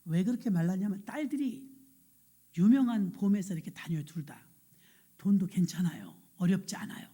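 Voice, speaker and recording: A middle-aged woman pastor telling a lively story in a sermon, acting out the people she quotes. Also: mid-range voice, moderate pace, breathy edge. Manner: lively anecdotal storytelling, acts out quoted voices.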